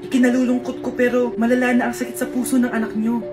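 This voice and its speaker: A woman's voice: on the high side, level tone, fast, lightly acted. A woman voicing a serious hospital doctor who delivers news formally. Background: background music.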